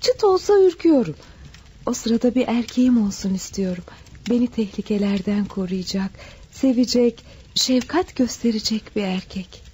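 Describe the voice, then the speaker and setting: Manuela, a husky coy temptress. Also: female voice, a little high, animated, normal speed, mellow. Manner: coy, teasing, manipulative. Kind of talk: 1970s-style radio drama acting.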